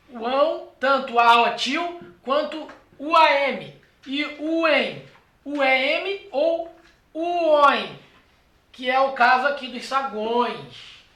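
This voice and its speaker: A teacher with a Brazilian accent giving a lecture, talking straight to the viewer and checking in often with quick tag questions. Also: sits high, fairly bright tone. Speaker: exam prep teacher. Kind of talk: classroom lecture. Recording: roomy echo.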